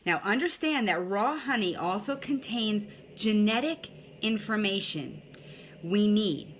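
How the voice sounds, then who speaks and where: A woman's voice: medium pitch, animated, unhurried, a little hiss or hum. A woman hosting a casual live-streamed health talk, chatting with viewers and often checking in with "okay?". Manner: chatty, greets viewers by name, frequent "okay?". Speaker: online health host.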